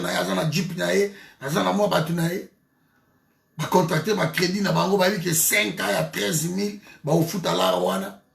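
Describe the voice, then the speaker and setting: In a high, creaky voice recorded with a roomy sound, a man from DR Congo rails through a political monologue. He speaks emphatically as a commentator. He keeps repeating himself and starting his sentences over.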